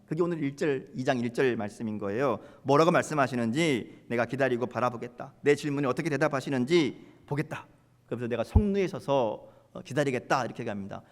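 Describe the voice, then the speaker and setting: A man preaching a sermon as pastor, in a conversational way, acting out prayers with rising emphasis. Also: medium pitch. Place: church sanctuary. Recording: long hall reverb.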